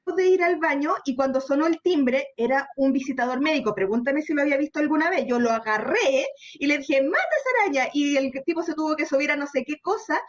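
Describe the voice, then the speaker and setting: A Chilean psychologist, a woman appearing as a radio guest, explains things earnestly and speaks candidly about her own fears in a conversational interview. Her voice is high-pitched and a little fast, with lo-fi sound.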